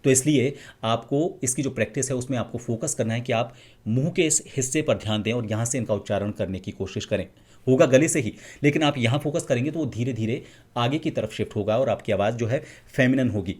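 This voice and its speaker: A man, explaining voice techniques as a coach in a calm, measured teaching manner. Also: medium pitch, husky. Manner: calm, measured teaching, demonstrating vowels and humming. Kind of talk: instructional explanation.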